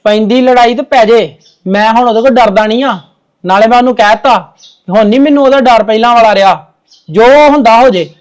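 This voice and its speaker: A man acting as a stubborn younger son who keeps bickering with his family. His voice sits very high for a man, and the words tumble out fast and argumentative. It is a family drama scene. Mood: irritated. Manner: argumentative, sulky.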